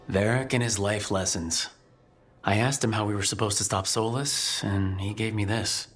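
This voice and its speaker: An actor playing an earnest young human mage hero in a video game, reflective and determined. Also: male voice, on the low side, fairly even intonation, moderate pace, a bit bright.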